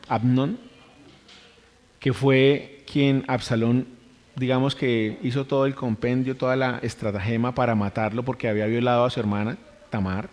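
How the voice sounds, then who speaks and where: A man delivers a sermon in an earnest manner, stacking repeated phrases for emphasis and stopping to correct himself. His voice sits at a middle pitch. The sound carries a long reverb from a church hall. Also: a little mellow. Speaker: preacher.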